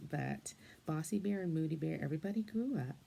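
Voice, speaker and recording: An older woman with a low, gravelly voice talks gently while she colors, wandering from thought to thought. Her tone is dark and mellow, and she often drops into a near-whisper over a faint hiss of room ambience. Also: expressive, fairly quick. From England, then Canada and the United States. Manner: soft-spoken, meandering, often drops to a half-whisper. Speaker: storyteller and coloring host.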